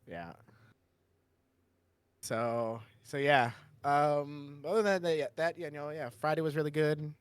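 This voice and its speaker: A man's voice: fairly high pitch, unhurried, long pauses, clear, resonant tone, no room sound. A man co-hosting a podcast in casual chat, rambling and restarting his sentences with frequent chuckles. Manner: rambling, self-interrupting, chuckles often. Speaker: podcast co-host.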